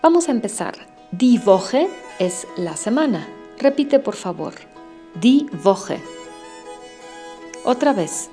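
Slow, patient woman teaching German words. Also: mid-range voice, big pitch swings, mellow, faint music behind. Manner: patient, clearly enunciating drill prompts. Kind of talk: slow language lesson with repetition drills.

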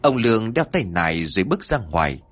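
A man telling a folk tale with expressive, dramatic, scripted narration. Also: on the low side, brisk, soft background music. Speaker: storyteller.

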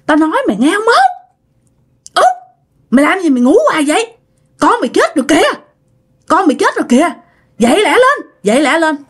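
A woman's voice: very high voice, wildly swooping pitch, a little fast, pauses often, voice pushed up, exaggerated voice. A woman with a Southern Vietnamese accent voicing the ghostly voice of an aunt, scolding and urgently calling someone awake at night. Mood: urgent alarm.

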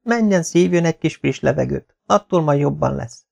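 A blunt, knowing maidservant from a storybook, giving advice briskly and matter-of-factly. A male narrator puts her on in a high voice. A rough, gravelly grain stays under it. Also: darkish tone. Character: blunt, knowing female servant.

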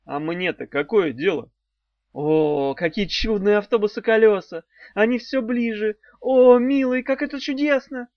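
A man voicing a young woman sorceress who taunts with mock-passionate, breathy sighs, in a dull, dry recording. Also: high-pitched, measured pace, dry recording, voice pushed up. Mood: cool, taunting.

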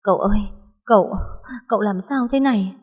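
A woman's voice: medium pitch, a little fast, darkish tone, slightly rough, pitched above the performer's own voice, lightly acted. A woman doing a desperate young wife. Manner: pleading, broken. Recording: long hall reverb.

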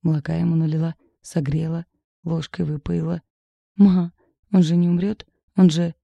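A woman's voice: lowish voice, level tone, normal speed, gravelly, no room sound, dull audio. A woman reading the part of a frightened, whiny young woman in an audiobook. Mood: anxious. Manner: whiny, anxious.

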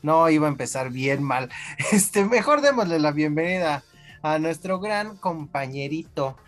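A man's voice: a little high, expressive, measured pace, a bit bright, soft background music. A man with a Mexican accent hosting a radio show with casual, joking, slangy banter. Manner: joking, informal.

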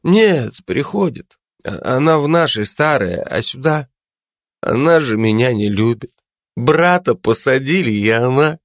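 A man's voice: mid-range voice, expressive, a little slow, no echo, studio quality, voice pushed up. A man voicing a drunk, frightened man who whines, pleads and slurs his words. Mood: drunk mumbling. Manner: whiny, slurred, self-pitying.

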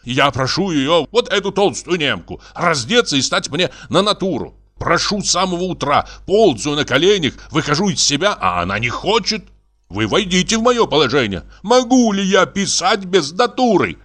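A man voicing a hot-tempered painter who rants and shouts in an audiobook reading. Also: fairly high pitch, sing-song, moderate pace, pitched above the performer's own voice. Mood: ranting. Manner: ranting, shouting.

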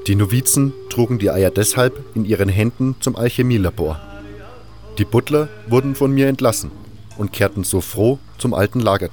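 Over background music, a man with a fairly low, darkish voice narrates a scripted first-person adventure story for a fan-made audio drama.

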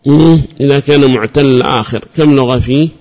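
A man's voice: medium pitch, quick pace, darkish tone. Man teaching a grammar class, muffled. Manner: quizzes students by name and praises answers; repeats and restates points patiently. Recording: muffled lo-fi recording.

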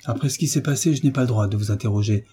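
Brief: a man voicing a kind, earnest tutor in an audiobook, soft dark tone, a bit husky. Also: on the low side, racing. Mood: gentle earnest.

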